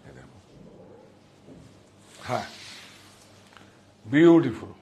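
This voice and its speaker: A man showing sarees in a live sales pitch, talking excitedly, repeating himself and directing helpers. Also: drawn-out words, muffled recording, a little hiss or hum. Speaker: saree shop seller.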